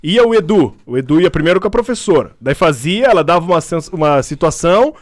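A young man chatting casually on a podcast, telling a story with lively acted-out voices. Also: on the high side, quick pace, no echo. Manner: animated storyteller, acts out voices.

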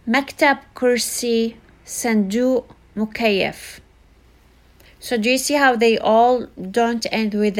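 A woman tutoring Arabic in a casual online lesson, explaining slowly with repetition and frequent fillers. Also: fairly high pitch, a bit bright. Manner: slow, repetitive teaching with many fillers.

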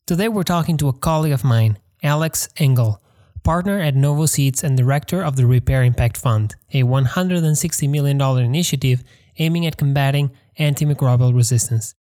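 Man hosting a podcast, mellow voice. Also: medium pitch, a little fast. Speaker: podcast host. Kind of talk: scripted podcast narration.

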